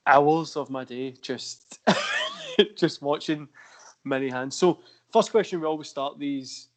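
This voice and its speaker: A man's voice: on the high side, wildly swooping pitch, slow pace. A man with a Glaswegian accent hosting a podcast in an easygoing way, laughing often. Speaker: podcast host. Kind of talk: casual podcast chat.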